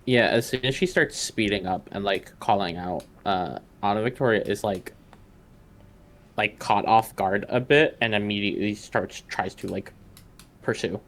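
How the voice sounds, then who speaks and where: A man playing in a tabletop game, speaking in a soft, halting way. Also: lowish voice. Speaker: player. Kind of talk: tabletop role-play chat.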